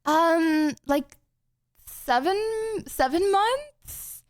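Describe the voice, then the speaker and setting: A woman's voice: very high-pitched, animated, very slow, no room sound. A woman, chatting casually on a stream, giggly and rambling. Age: 20s. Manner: giggly, rambling, lots of "like" and "bro". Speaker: streamer, host of the collab.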